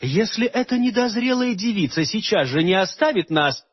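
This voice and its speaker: Brief: husky fairy queen, sultry and scornful by turns, read by a man, lo-fi radio sound. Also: high voice, expressive, moderate pace, voice pushed up. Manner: sultry, soft, then icy and mocking. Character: seductive scheming fairy queen, woman.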